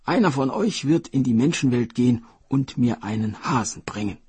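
A man's voice: medium pitch, lively intonation, normal speed, a little mellow, voice pushed up, close to an everyday voice. A man voicing a sick, desperate old dragon king who pleads and commands his court. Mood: commanding.

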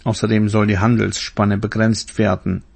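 A man reading a scripted news bulletin in a formal, measured manner. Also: on the low side, little pitch movement, creaky, a little mellow, slightly rough. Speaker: newsreader.

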